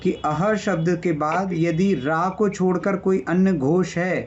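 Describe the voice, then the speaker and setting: A man's voice: high-pitched, fairly even intonation, slow, dull audio, a little hiss or hum. A man teaching an online grammar class, patiently explaining and listing word meanings, often checking in with his students. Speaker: Sanskrit teacher. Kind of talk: online class revision lecture.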